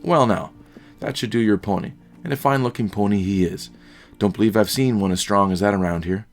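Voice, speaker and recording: A man's voice: fairly low pitch, fairly quick, natural voice. A man voicing a chatty hobbit innkeeper. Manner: folksy, rustic talk.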